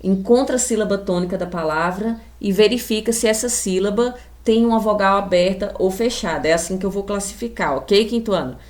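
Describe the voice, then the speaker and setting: A Brazilian woman teacher with a Brazilian Portuguese accent, giving a video lesson to children. She talks straight to the class, slowly and emphatically, and stretches out her example words. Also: medium pitch, darkish tone.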